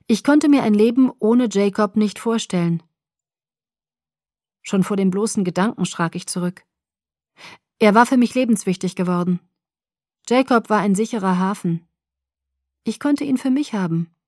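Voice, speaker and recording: Female audiobook narrator, calm even read, dry studio sound. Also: mid-range voice, normal speed, long pauses, no room sound. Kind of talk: scripted first-person narration.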